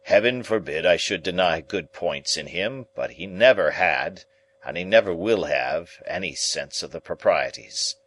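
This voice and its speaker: A man voicing a smug, sarcastic gentleman relative in an audiobook reading, speaking in a dry, pointed, sententious way. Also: low voice, lively intonation, measured pace, exaggerated voice. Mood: sardonic. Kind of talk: audiobook character voice.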